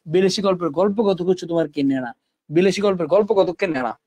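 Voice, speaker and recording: A man's voice: sits high, fast, warm tone, no room sound. A young man from Bangladesh teaching a live online class, asking questions and answering them himself over and over. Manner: repetitive call-and-response drilling. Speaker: online tutor.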